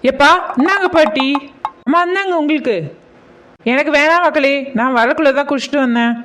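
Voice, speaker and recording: A woman's voice: sits high, fairly quick, background noise. A woman acting in a village family comedy skit, talking in a plain, matter-of-fact, chiding way.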